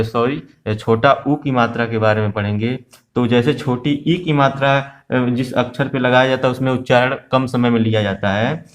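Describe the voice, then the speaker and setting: A man teaching a class-one Hindi lesson, patiently asking questions and answering them himself, slow and repetitive. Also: mid-range voice. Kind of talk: Hindi phonics lesson for young children.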